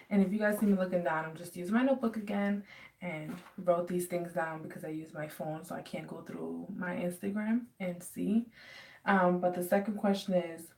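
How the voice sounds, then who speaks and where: A woman's voice: fairly low pitch, creaky, recorded from a distance. A woman in her twenties from the United States chatting casually in a home Q&A vlog, rambling with many fillers. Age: 20s. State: dry throat. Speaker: vlogger.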